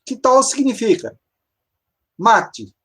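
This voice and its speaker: A Hebrew teacher giving an online grammar lesson. The teacher often stops to search for words and explains each step slowly. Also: mid-range voice, very animated, fairly bright tone, husky. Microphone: video call.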